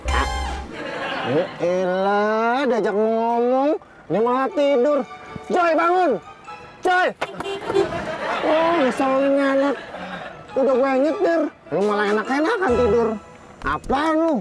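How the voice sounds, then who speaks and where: A man's voice: very high voice, a little slow, loud music behind the voice, a loud crowd. An actor playing a chatty, teasing young man who talks. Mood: joking. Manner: loud teasing banter, lively swings. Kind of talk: sitcom acting.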